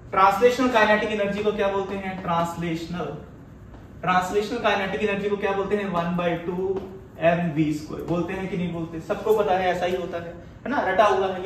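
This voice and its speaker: A man with an Indian accent giving a physics lecture, mixing Hindi and English and asking and answering his own questions. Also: sits high. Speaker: physics teacher. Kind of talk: classroom lecture. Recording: roomy, far from the mic, faint hiss.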